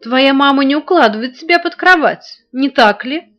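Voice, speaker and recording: A woman's voice: on the high side, normal speed, close to an everyday voice. A woman doing a sulky fashion doll. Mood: offended. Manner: offended, sighing. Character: sulky offended female Barbie doll. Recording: dull lo-fi recording, faint guitar.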